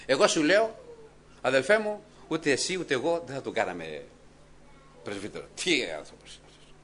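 A man preaching a sermon to a congregation, swinging between loud exclamations and hushed murmurs and putting questions to his listeners. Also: mid-range voice, big pitch swings, slight background noise.

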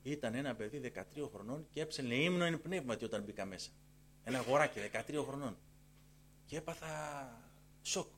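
A middle-aged man gives a spoken church testimony in an animated, storytelling way. He has a voice of middle pitch. He stacks repeated phrases and shifts his tone as he acts out the dialogue. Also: slight background noise. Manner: acts out dialogue in changing tones. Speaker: church member giving a testimony. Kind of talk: personal conversion testimony.

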